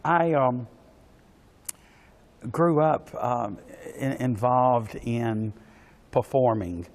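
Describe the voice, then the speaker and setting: A man, giving courteous, formal interview answers haltingly, with many pauses and repeated words. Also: mid-range voice. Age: 60s. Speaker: interview guest, pageant organization official. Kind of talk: polite spoken interview answers.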